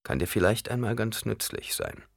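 A man's voice: fairly low pitch, lively intonation, moderate pace, creaky, no echo, studio quality, voice pushed up. Name: the Duke. A man voicing a weary noble father. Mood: grave. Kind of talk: audiobook reading.

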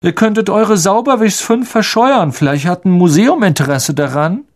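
A man voicing an arrogant, sneering schoolboy rival in a slow, haughty drawl. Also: sits high, animated, pitched above the performer's own voice. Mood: smug.

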